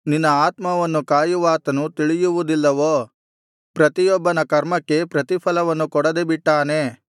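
A man giving a measured, solemn scripted reading of scripture. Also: on the high side, steady tone, smooth, no room sound, clean studio sound. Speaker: scripture reader.

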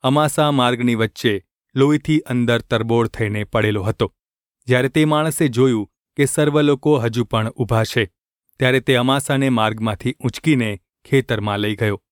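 A man reading scripture in a steady, measured narration. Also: medium pitch, no echo, clean studio sound. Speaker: scripture reader.

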